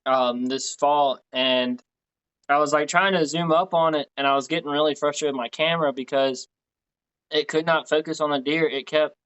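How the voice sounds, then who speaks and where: A man's voice: on the high side, steady tone, moderate pace, a bit bright, clear, resonant tone, dull audio. An American man who grew up in Tennessee and Pennsylvania, hosting with casual chat and anecdotes. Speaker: podcast host.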